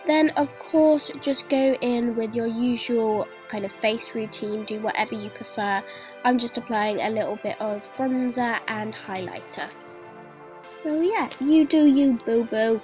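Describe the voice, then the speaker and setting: A young woman with a slightly high voice speaks at a measured pace in a voice-over with clear music behind it. Stuffed up with a cold and saying she's sick, the beauty vlogger chats amiably through her makeup tutorial one step at a time.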